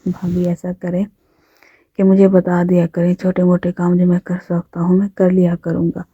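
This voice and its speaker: A woman voicing a gentle, playful young blind man who speaks softly and earnestly, in a story she narrates. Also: lowish voice, monotone, breathy edge, dry recording. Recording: dull lo-fi audio.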